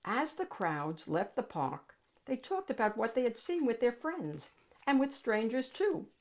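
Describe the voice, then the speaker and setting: Her voice fairly high and swinging widely in pitch, a woman reads a picture book to children at storytime. She pauses dramatically and stretches out the key words.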